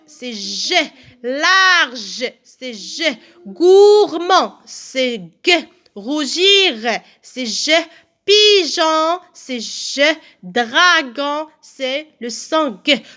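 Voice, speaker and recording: Female primary teacher, high bright voice, unhurried, careful syllable-by-syllable delivery for young pupils. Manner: slow, careful, repeats words and claps out syllables. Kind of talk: recorded phonics lesson for children.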